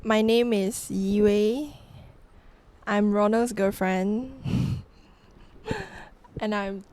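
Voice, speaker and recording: A woman, a soft-spoken, giggly guest in a casual podcast chat. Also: medium pitch, fairly even intonation, drawn-out words. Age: 20s.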